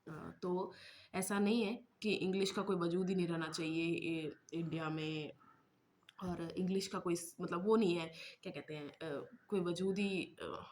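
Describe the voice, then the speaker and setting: A woman's voice: on the low side, steady tone, measured pace, a little mellow, slight background noise. Chatty woman vlogging. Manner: chatty, mixes English words into Hindi, many fillers. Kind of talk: casual talking-head vlog.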